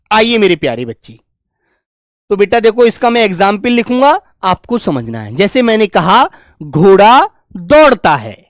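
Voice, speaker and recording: A man teaching a grammar lesson, dictating slowly and repeating phrases word by word, fondly reassuring his students. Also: sits high, no echo, clean studio sound. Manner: fond, reassuring, calls students "dear children". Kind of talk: classroom lesson with slow dictation.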